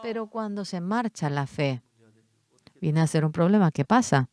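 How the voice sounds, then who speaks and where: A man preaching a sermon, reading scripture aloud and pushing his voice up high for emphasis. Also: expressive, moderate pace, darkish tone, no echo. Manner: preaches with sudden high-pitched emphatic bursts.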